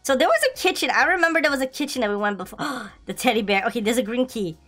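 A woman streaming a horror game, playfully scared and excitable, slangy, repeating her phrases as she comments on the play. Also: fairly high pitch, fast, soft background music. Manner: scared horror game streamer, shrieking and pleading in mock fright.

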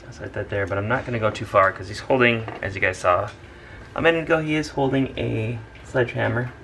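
Man, dad, drawing tutorial narration, unhurried, gravelly voice, noisy room. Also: medium pitch, a bit bright. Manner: unhurried, talks through each stroke. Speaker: dad drawing on a family channel.

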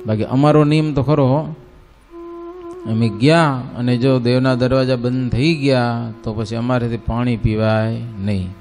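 A male religious storyteller narrates a devotional tale. He is folksy and animated, with a voice of middling pitch. Faint devotional music plays behind him. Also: measured pace, long pauses. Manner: folksy, animated storytelling, breaks into sung verse.

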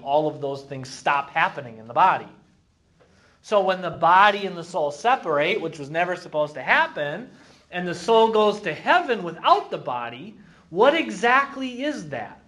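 A man teaching a church Bible class, reading scripture slowly and with emphasis, then explaining it with lively rhetorical questions. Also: a little high.

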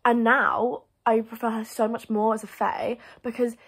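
A woman's voice: fairly high pitch, flat delivery, moderate pace, breathy edge. A young woman chatting casually about books in a reading vlog, gushing and filling her talk with "like". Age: young adult. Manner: chatty, gushing, heavy use of "like". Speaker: book vlogger.

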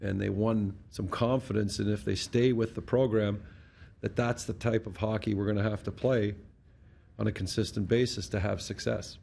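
After the game, a middle-aged Canadian man who coaches hockey takes reporters' questions in a press room with a sponsor backdrop, using a desk mic on a stand. His fairly low voice is gravelly, a little mellow and slightly rough, with fairly even intonation and normal pace. He keeps it blunt and matter-of-fact and often restarts words.

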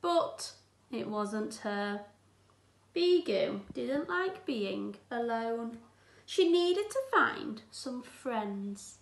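Reading a children's storybook aloud, this woman from England sounds like an infant teacher, expressive and full of encouraging asides. Her voice sits on the high side, animated, with drawn-out words and some vocal fry. The echoey sound comes from a small room at home.

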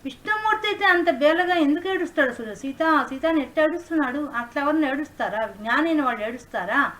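A woman's voice: sits high, animated, fast, fairly bright tone, poor audio. A woman voicing a goddess who questions her husband in disbelief, in a storytelling lesson. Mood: doubting. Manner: questioning, incredulous.

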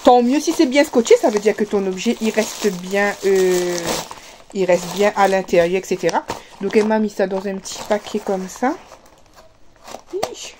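A vlogger with a Réunion French accent chats casually to the camera while unboxing parcels, her speech full of fillers and restarts. She has a medium-pitched voice and a moderate pace, with background noise in the recording.

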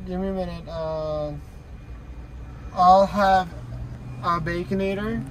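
A man's voice: high voice, steady tone, takes it slowly, a little hiss or hum, low-quality recording. A man ordering food at a drive-through from the driver's seat of a car, in a laid-back way. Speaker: vlogger's friend, driver.

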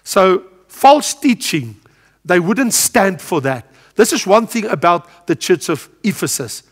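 A man in his sixties teaching a Bible study from behind a lectern, animated and gesturing, with frequent ums and uhs. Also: high-pitched, slow, breathy edge, in a large hall. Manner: animated, gestures broadly at a pulpit, frequent filler sounds. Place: studio with a world map backdrop, standing at a lectern.

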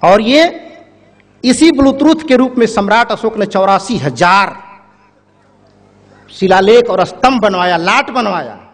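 A man's voice: high-pitched, lively intonation, measured pace, long pauses. A man giving a motivational speech to an audience, telling a parable in a rhetorical storytelling manner. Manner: rhetorical, storytelling, addresses the crowd directly. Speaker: public speaker. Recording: echoey hall.

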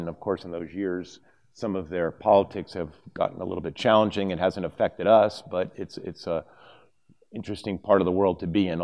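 Middle-aged man, very low voice, conference presenter at a lectern, loose and conversational, trips over his words now and then. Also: creaky, darkish tone. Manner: conversational, with many fillers and restarts. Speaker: conference speaker. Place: conference hall stage, at a lectern. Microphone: lapel mic.

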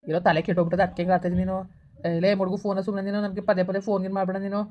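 A woman's voice: medium pitch, level tone, very fast, lo-fi sound, lightly acted. A woman playing a careless young man who brushes off his girlfriend's calls with mocking irritation in a village comedy skit. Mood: dismissive.

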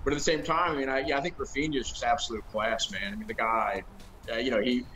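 A man's voice: mid-range voice, steady tone, fast, bright, forceful tone, soft background music, poor audio. A middle-aged man giving casual football analysis over a video call from a room at home, thoughtful and hedging with lots of fillers. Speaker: co-host analyst. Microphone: video call webcam.

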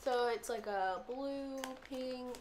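A young woman chatting casually as she talks through a makeup tutorial step by step, giggly and relaxed. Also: high-pitched, slow. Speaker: makeup vlogger. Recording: echoey room with clear background noise.

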